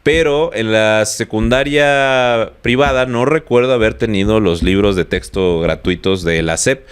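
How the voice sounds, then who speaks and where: A man's voice: lowish voice, measured pace, clear, resonant tone. A young Mexican man co-hosting a podcast, chatting casually with a posh, slangy way of talking. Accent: Mexican Spanish. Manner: relaxed, slangy, says he talks posh. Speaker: podcast co-host. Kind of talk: casual chat.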